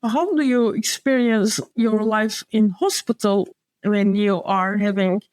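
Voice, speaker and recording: In a casual interview, a Turkish designer and publisher talks a little slowly in a medium-pitched, slightly mellow voice with fairly even intonation. Her Turkish accent is clear, and she hesitates and circles back to her point. The recording is dry.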